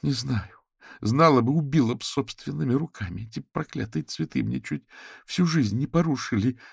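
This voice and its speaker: A man's voice: medium pitch, moderate pace, creaky, slightly rough, no room sound, clean studio sound, voice pushed up. A man voicing a tired young mother who speaks tearfully and pleadingly in an audiobook.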